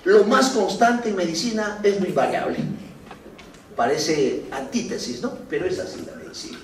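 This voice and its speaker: A high-voiced man lectures medical students in a lively, joking way, mimicking patients as he goes. He is captured from some distance in a large, echoey room with a faint hum of ambience. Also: moderate pace. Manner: animated, acts out patients' complaints with laughs. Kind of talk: classroom lecture. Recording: roomy distant classroom recording.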